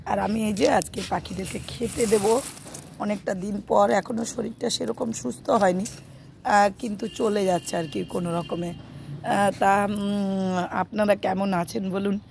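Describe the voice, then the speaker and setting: A middle-aged woman with a hoarse voice from a cold, chatting softly and slowly with her viewers in a casual vlog, with many fillers. She talks into a handheld phone on a rooftop in the morning. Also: mid-range voice, steady tone, a little hiss or hum. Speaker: vlogger.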